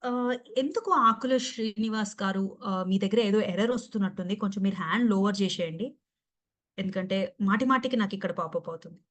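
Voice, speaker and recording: A woman from Andhra Pradesh or Telangana, India, with a Telugu accent, trains students in English pronunciation in an online class over a video call. Her mid-range voice is brisk, and she is playful and teasing as she quizzes them.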